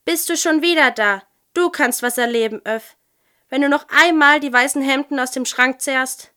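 A woman's voice: high voice, expressive, measured pace, bright, forceful tone, heavily acted. A woman voicing a bossy, motherly female pig who scolds and snorts in a storybook reading. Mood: scolding.

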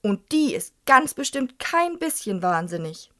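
A woman voicing an eccentric old great-uncle who talks gruffly and shouts. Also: a little high, very animated, a little slow. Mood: blustering.

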